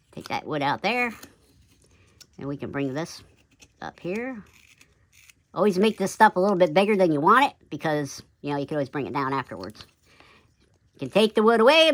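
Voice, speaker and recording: A man's voice: on the high side, fairly bright tone. Man's voice sped into a chipmunk voice. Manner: folksy and chatty, with fillers like "oop" and "yep". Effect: sped-up chipmunk voice at double speed. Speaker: woodcarving instructor. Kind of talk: casual step-by-step carving demonstration.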